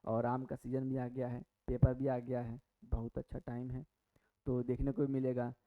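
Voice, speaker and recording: A man teaching an exam-prep lesson, chatty, asking and answering his own questions with many fillers and restarts. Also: on the high side. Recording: tinny phone-like audio.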